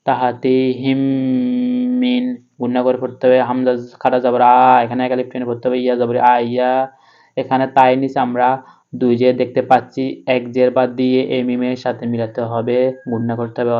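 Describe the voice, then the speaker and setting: Male Quran tutor, flat and smooth delivery, slightly dull audio; spells letters, then chants. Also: mid-range voice. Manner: spells out letters and vowel marks slowly, then chants the verse. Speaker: Quran reading teacher. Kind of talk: step-by-step spelling lesson.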